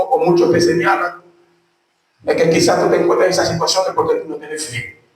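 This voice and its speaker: Emphatic preacher, echoey and distant. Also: male voice. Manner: emphatic, repeats lines, swings between shouting and low tones. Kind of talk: sermon. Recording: echoey room from far off, faint noise.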